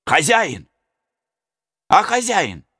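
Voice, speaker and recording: A man's voice: high voice, huge pitch swings, drawn-out words, pushed and bright, breathy edge, dry recording, studio quality, pitched above the performer's own voice, heavily acted. A man voicing a blustering, superstitious servant. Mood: agitated. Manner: exclaiming, folksy scolding. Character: agitated middle-aged male servant, superstitious and blustering.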